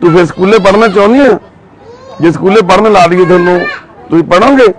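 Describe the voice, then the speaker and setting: Quick-talking social worker man. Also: sits high, a faint crowd, low-quality recording. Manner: probing, consoling questions. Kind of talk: on-the-spot interview.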